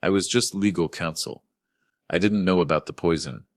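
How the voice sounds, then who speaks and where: A man's voice: sits low, normal speed, dry recording. A man doing a wailing cowardly lawyer. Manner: wailing, begging. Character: pleading male lawyer, weak and cowardly.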